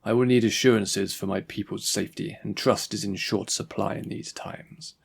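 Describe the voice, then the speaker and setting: A stern, proud captain of the city guard who speaks firmly and tersely, read by a man. The voice is low, gravelly and husky, and it sits in the narrator's own quiet register. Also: fairly even intonation, moderate pace, heavily acted.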